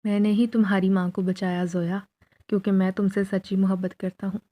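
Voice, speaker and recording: A woman's voice: medium pitch, little pitch movement, warm tone, natural voice. A woman voicing a young male jinn who pleads his love in a spoken horror story. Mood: earnest.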